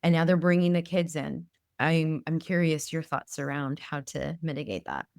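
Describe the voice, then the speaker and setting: A woman's voice: low voice, normal speed, creaky, darkish tone, no room sound, clean studio sound. A woman hosting an interview podcast, reflective and drawing on her own experience as she asks questions. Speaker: podcast host. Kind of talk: podcast interview, casual chat.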